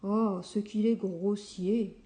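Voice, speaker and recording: A woman voicing a kind, gentle wolf in a storybook tale, speaking slowly and sadly. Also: medium pitch, steady tone, close to an everyday voice. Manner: slow, sorrowful and gentle.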